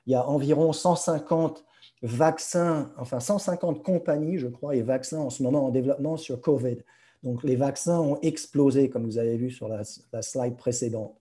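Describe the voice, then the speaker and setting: A man's voice: medium pitch, moderate pace, mellow. A man giving a slide presentation, hesitant and searching for words, mixing practised English terms into his French. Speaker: guest speaker presenting slides. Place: remote video conference.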